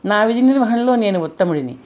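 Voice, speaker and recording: A woman voicing a calm, kindly male wind god in an audiobook, speaking in a gentle, measured, reassuring way. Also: medium pitch, natural voice.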